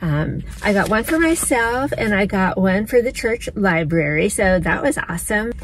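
A woman's voice: mid-range voice, lively intonation, normal speed, slight background noise, low-quality recording. A middle-aged woman talking casually and eagerly to her phone camera from a parked car, vlogging. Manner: enthusiastic, chatty. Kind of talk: casual travel vlog talk. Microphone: phone at arm's length.

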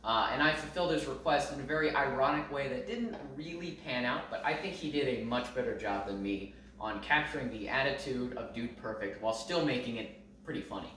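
A man's voice: mid-range voice, fairly quick, bright, forceful tone, slight background noise. A man giving playful, mock-boastful opinions in a casual chat as co-host. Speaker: co-host and cameraman. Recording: very echoey room, far from the mic.

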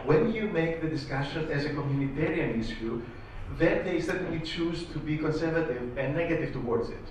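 A man's voice: a little high, animated, brisk, few pauses, slight background noise. A man from Greece in the audience of a panel, giving an earnest, wandering comment. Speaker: audience member asking a question. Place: conference room. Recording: very echoey room, distant mic.

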